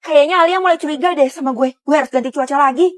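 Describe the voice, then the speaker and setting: A young woman talks through her comedic skit in a casual, chatty inner monologue. Her voice sits high and light. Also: fast. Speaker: skit creator and narrator.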